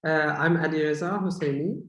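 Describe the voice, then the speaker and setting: A man in his thirties who grew up in Iran, introducing himself as an artist in an online interview. He speaks in short, plain statements with small pauses. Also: on the high side, steady tone, fairly bright tone, lo-fi sound. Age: 30s. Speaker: featured artist. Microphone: video call. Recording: roomy echo.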